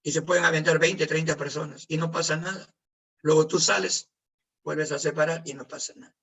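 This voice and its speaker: A man teaching a chemistry class over a video call, lively, asking questions and answering them himself. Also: on the high side, a little fast, gravelly, breathy edge, far from the mic, poor audio. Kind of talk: online class lecture. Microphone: computer mic on a video call.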